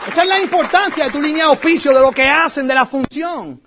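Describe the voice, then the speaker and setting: A man from Puerto Rico with a Puerto Rican accent, giving an animated storytelling talk to an audience as a motivational speaker. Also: very high voice, quick pace, crowd noise, noisy background. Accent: Puerto Rican Spanish. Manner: animated, acts out quoted voices. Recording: dull lo-fi recording.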